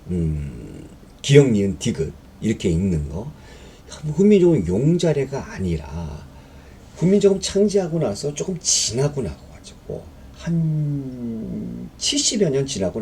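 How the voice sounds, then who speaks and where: A man's voice: mid-range voice, mellow, slight background noise. A man teaching a history exam-prep lecture in a conversational way, reading questions aloud and explaining them with fillers and rhetorical questions.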